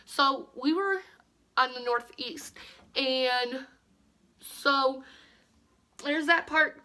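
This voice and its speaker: A woman's voice: sits high, bright, forceful tone. A young woman telling a rambling, profane story in a casual storytime vlog, recorded on her phone. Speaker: vlogger.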